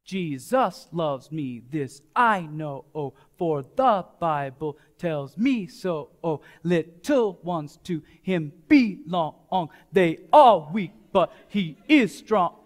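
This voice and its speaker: A man's voice: on the high side, expressive, very slow, hardly any pauses. A man who sings a children's hymn to show rhythm changes during a church lesson. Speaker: preacher teaching on music. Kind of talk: sung examples in a church talk.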